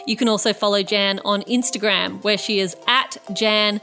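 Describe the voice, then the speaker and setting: A woman's voice: mid-range voice, steady tone, normal speed, sharp tone, faint music behind. A woman, presenting as a podcast host in a polished, conversational style.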